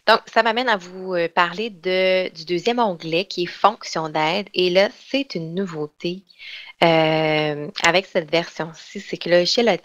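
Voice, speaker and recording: A woman giving an online software training session, explaining in a chatty way with lots of fillers and restarts. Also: lowish voice, no echo. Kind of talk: online webinar demonstration.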